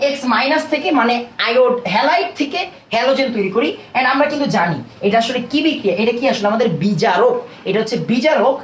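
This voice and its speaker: A man's voice: very high-pitched, lively intonation. A young man, teaching a live online chemistry class. He talks casually and keeps throwing questions at his students. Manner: quick, chatty, keeps prompting students with questions. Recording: roomy echo.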